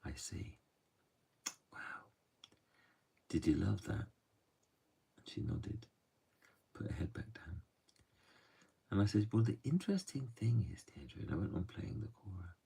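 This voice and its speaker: A man telling a true story softly and gently, often dropping to a hush. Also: deep voice, recorded from a distance. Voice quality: gravelly and husky. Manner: soft, unhurried, often drops to a hush.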